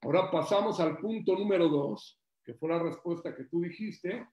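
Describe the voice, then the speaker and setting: High-voiced man teaching. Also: normal speed, reverberant, dull audio. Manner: animated, repeats phrases, acts out stories. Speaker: Torah teacher. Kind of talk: religious class.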